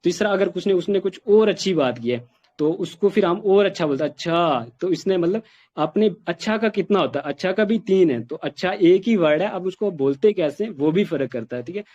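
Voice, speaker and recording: Man, fairly high voice, informal spoken lesson, chatty with fillers, dull lo-fi sound. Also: expressive, a little fast, warm tone. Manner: conversational, repeats "ठीक" often, many fillers. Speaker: communication skills trainer.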